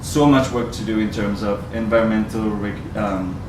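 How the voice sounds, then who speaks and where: A man from Ecuador gives a talk to an audience, pausing often and restarting his sentences. His voice sits low. The recording is distant and roomy, with clear noise behind him. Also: steady tone. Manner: hesitant, many ums and restarts. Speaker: researcher giving a talk. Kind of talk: presentation at a community event. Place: venue with a live audience. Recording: roomy sound from far off, noisy.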